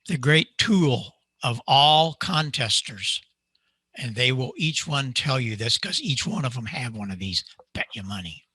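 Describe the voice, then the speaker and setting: Slow, bright-voiced older man presenting. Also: mid-range voice, husky, no room sound. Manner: lively demonstrator, asks himself rhetorical questions. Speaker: guest speaker, microphone maker. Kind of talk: presentation over a video call. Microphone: video call mic.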